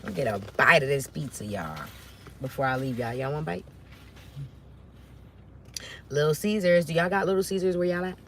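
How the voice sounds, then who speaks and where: A woman, hosting a casual livestream from home, talking straight to her viewers in a lively, preachy way. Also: low voice, moderate pace, pauses often, slight background noise. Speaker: channel host on a livestream.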